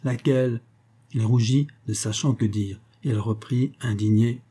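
Husky, mellow male audiobook narrator. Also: on the low side, steady tone, moderate pace. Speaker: reader of a novel.

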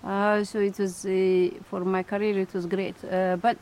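Woman scientist from Ethiopia, halting. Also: medium pitch, flat delivery, darkish tone. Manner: hesitant, many fillers and restarts. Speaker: interviewee; scientist and institute director. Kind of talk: interview answers.

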